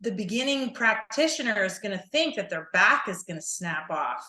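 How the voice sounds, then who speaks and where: A woman yoga teacher talking casually on a podcast, animated and acting out her students' voices. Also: medium pitch, moderate pace. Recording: echoey room.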